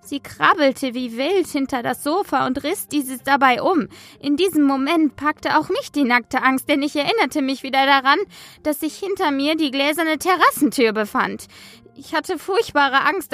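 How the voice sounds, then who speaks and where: A woman playing a frightened, snippy grandmother who gives dramatic, deliberate testimony in a German horror audio drama. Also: high-pitched, fairly bright tone, no echo.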